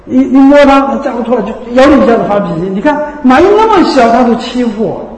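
A man's voice: extremely high pitch, expressive, fast, darkish tone. A man teaching as a Buddhist preacher, repeating himself and asking rhetorical questions to check that listeners follow. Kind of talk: Buddhist sermon. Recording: echoey hall reverb.

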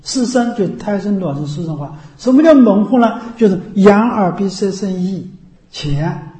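A man's voice: high-pitched, lively intonation, normal speed, dark tone. A man teaching as a Buddhist teacher in a dharma talk. He explains things over and over and keeps checking with his listeners. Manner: repetitive, explanatory. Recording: echoey room.

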